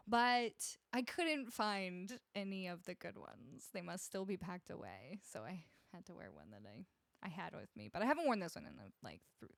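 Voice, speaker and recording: Lively, chatty woman streamer. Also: fairly low pitch, dry recording. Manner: chatty, laughs often, greets viewers by name. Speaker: music streamer and singer. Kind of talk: casual live-stream chat with viewers. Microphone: studio broadcast microphone, close.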